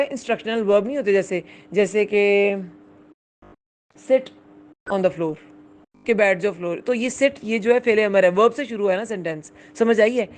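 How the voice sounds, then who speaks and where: A woman giving a religious lesson, explaining patiently and often asking her listeners whether they understood. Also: a little high. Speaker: Quran teacher. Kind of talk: Urdu religious lesson with English words.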